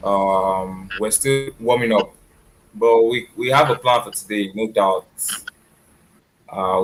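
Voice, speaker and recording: A man's voice: lowish voice, fairly bright tone. A man managing a gaming team, talking on a video call in a hesitant way with many fillers.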